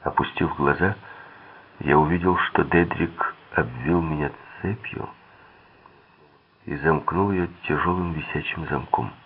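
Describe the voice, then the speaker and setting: Deep gravelly male audiobook narrator. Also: unhurried, long pauses, slight background noise. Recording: tinny phone-like sound.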